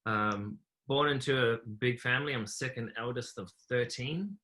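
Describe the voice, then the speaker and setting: A young man from New Zealand, a podcast guest telling his life story in a relaxed, rambling way with many fillers. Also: medium pitch, normal speed. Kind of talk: casual conversational interview.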